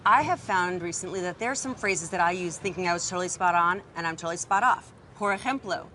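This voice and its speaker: A woman's voice: fairly low pitch, sharp tone, a little hiss or hum. Teasing woman interview host. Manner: teasing, quick-witted. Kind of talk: casual interview chat.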